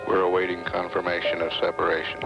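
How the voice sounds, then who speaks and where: A man giving measured, matter-of-fact technical commentary as a mission control announcer. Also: sits low, monotone, dull audio. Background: music.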